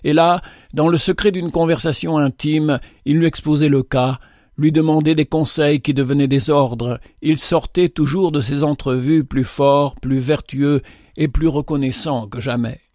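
Man reading an old moral story, steady and earnest, bit high voice, very dry mic. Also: unhurried, dry recording. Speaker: narrator.

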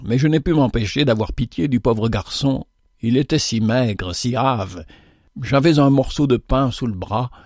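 A man's voice: mid-range voice, a little mellow, no echo, clean studio sound, natural voice. A man voicing a meek, ragged beggar who tells his story earnestly and humbly.

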